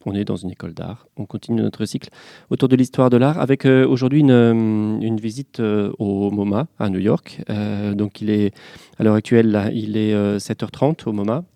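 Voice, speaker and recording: A man hosting a school radio show, introducing the program in a relaxed way with many fillers. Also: fairly low pitch, creaky, no room sound. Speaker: radio host and art teacher. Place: studio at an art school.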